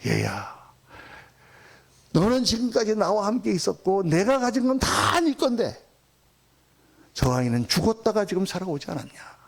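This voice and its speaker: A man voicing a tender, elderly father who gently pleads with his son during a sermon retelling. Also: high-pitched, big pitch swings, moderate pace, vocal fry, long pauses, breathy edge, full character voice.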